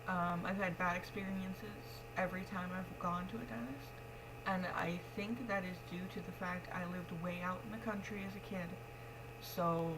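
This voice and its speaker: A young adult woman talking casually and frankly to her vlog, rambling in a matter-of-fact way, with the speech of someone missing front teeth. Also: on the low side. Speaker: pregnant vlogger. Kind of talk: casual confessional vlog talk. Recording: clearly noisy home recording with hum.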